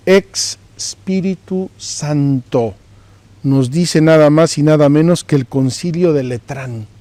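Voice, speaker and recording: A man, preaching a sermon at a pilgrimage site. He speaks slowly and earnestly in a fairly high, mellow voice. The sound is dry and close. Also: dry recording. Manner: earnest, emphatic, repeating phrases. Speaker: priest.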